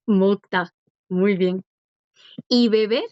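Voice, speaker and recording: A woman's voice: mid-range voice, fairly even intonation, very slow, darkish tone. Patient woman teacher quizzing her class, dull muffled sound, no room echo. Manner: patient, encouraging, quizzes students and praises answers. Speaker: Korean language teacher. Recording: dull lo-fi dry audio.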